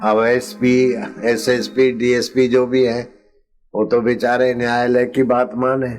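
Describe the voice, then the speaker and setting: Slow-speaking older Indian preacher. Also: male voice, mid-range voice, flat delivery, a little mellow, faint music behind. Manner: slow, chanting refrains and acting out story voices. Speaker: spiritual preacher. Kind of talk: satsang sermon with storytelling.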